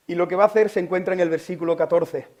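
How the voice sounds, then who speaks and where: A man from Spain preaching a sermon, asking the listeners direct questions and swinging from loud preaching to hushed whispers. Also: high voice. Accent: Spain Spanish. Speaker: pastor.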